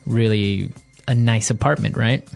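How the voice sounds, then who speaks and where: A man's voice: lowish voice, measured pace, gravelly, darkish tone. A man co-hosting an English lesson podcast, explaining words in an upbeat way, faint music behind. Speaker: podcast co-host.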